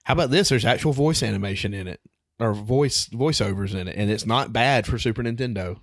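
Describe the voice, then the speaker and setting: A man's voice: medium pitch, a little fast, no room sound, studio quality. A man in his thirties co-hosting a podcast, chatty and upbeat, laughing easily in casual chat. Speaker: podcast co-host.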